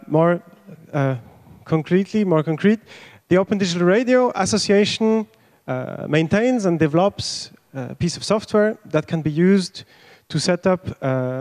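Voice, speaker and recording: Higher-voiced man giving a technical talk. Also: a little mellow. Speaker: conference speaker. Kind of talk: informal technical presentation. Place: stage in a large event tent. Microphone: handheld microphone.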